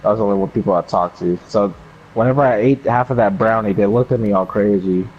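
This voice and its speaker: Talking fast in a fairly low voice, a young American man spins a rambling, profane, slang-heavy anecdote for a friend. The mic sounds dull and lo-fi, and there's faint background noise.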